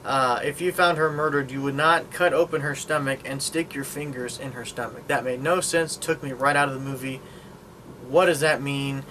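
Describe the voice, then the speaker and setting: A man's voice: medium pitch, fairly even intonation, moderate pace, bright, forceful tone, a little hiss or hum. A man giving a casual spoken movie review, retelling the plot in a rambling way, with lots of fillers and sarcastic asides. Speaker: film reviewer.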